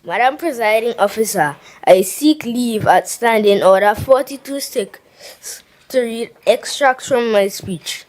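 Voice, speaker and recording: A woman's voice: fairly high pitch, animated, a little slow, a little mellow. Poised woman reading a debate speech. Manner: poised, persuasive, posing rhetorical questions. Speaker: youth assembly member. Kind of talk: read parliamentary speech. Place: assembly chamber.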